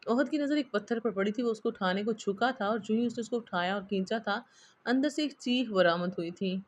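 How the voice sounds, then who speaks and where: A woman's voice: fairly high pitch, brisk. Woman narrating a romance novel. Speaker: novel reader. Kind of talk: storybook narration.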